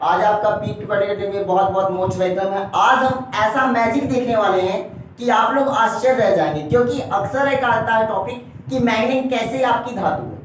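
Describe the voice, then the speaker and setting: A man's voice: sits high, fairly even intonation, normal speed, slight background noise. A male teacher giving an exam-prep lesson at a board. He keeps checking in with a questioning "right?" and calls his viewers dear children. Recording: very echoey room, mic far off.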